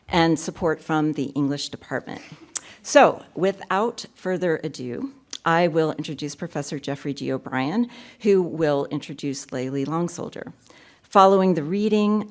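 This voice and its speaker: A woman opening a university poetry reading, giving warm welcoming remarks and announcements into a podium mic. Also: deep voice. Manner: warm, gracious and upbeat, with filler ums. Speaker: event host introducing a poetry reading. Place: university lecture room.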